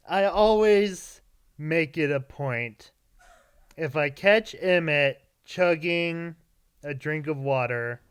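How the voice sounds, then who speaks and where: A man's voice: a little high, fairly bright tone, smooth, dry recording. A young man co-hosting a casual podcast chat at home, easygoing and teasing, laughing often. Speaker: podcast co-host. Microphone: good podcast mic.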